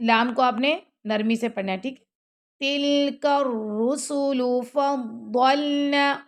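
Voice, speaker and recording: A woman teaching Quran recitation, switching between slow drawn-out chanting and quick spoken explanations. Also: fairly high pitch. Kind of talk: tajweed recitation lesson.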